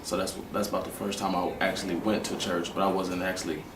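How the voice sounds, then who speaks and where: A man in his twenties gives long, earnest interview answers, explaining at length in a low-pitched, level voice and talking fast. The recording is distant with a roomy echo and faint noise.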